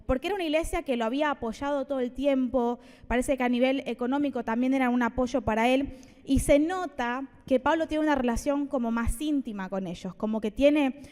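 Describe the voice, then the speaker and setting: A woman's voice: high-pitched, brisk, darkish tone, in a large hall. A woman preaching a sermon, conversational and playful, with asides to the congregation. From Argentina. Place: church hall.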